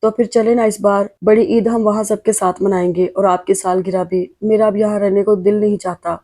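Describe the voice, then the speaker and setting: A woman's voice: medium pitch, fairly even intonation, dark tone, lightly acted. A woman voicing a devoted, tearful young wife. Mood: earnest. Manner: earnest, emotional.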